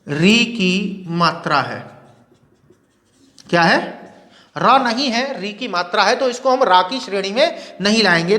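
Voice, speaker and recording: A man teaching Hindi grammar in a video lecture, asking questions and answering them himself and slowly repeating key words. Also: very high-pitched, pushed and bright. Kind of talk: classroom-style video lecture. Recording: long reverb.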